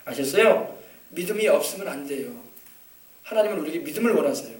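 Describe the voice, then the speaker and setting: A male pastor preaches a sermon in a church sanctuary, questioning his congregation and urging them on in call-and-response style. His fairly high voice is lively and fast, recorded off-mic with echoey church acoustics.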